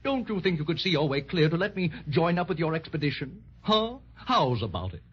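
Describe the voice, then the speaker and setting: A melodramatic, ingratiating male dragon from a 1930s children's radio serial. The voice is rough-edged and swoops widely through florid pleas and laments. The old recording sounds dull. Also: fairly high pitch, sing-song, brisk. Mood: pleading. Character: woeful, theatrical, ingratiating centuries-old male patchwork dragon.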